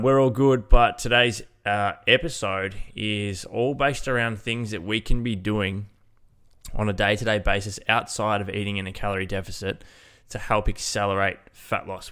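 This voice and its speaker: A man's voice: fairly low pitch, fairly bright tone, clean tone. A man with a nasal, congested-sounding voice, hosting a casual solo fitness podcast in an informal way. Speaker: podcast host, fitness coach.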